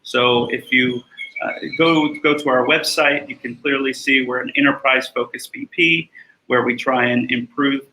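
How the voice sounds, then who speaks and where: A man from Costa Rica, a company co-founder, answering interview questions in a steady, explanatory way with frequent fillers and restarts. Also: medium pitch, moderate pace, low-quality recording. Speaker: guest, blockchain company co-founder.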